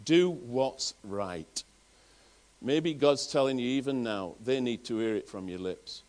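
In an animated, unhurried way, a middle-aged Northern English pastor from England preaches to his congregation in a medium-pitched, slightly mellow voice. He tells personal stories with earnestness, circling back and restarting his words as he goes.

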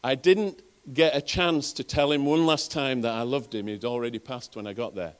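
A man's voice: medium pitch, steady tone, normal speed, smooth. A man with a Northern English accent, preaching a sermon and telling personal stories in an earnest way, often restarting his phrases. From England. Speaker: pastor.

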